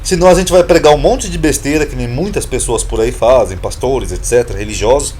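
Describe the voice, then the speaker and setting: A Brazilian Bible teacher and channel host, speaking with a Brazilian Portuguese accent, explains Bible terms in an informal lesson. His medium-pitched voice is brisk, a little mellow and slightly breathy, and he's emphatic and repetitive, posing rhetorical questions.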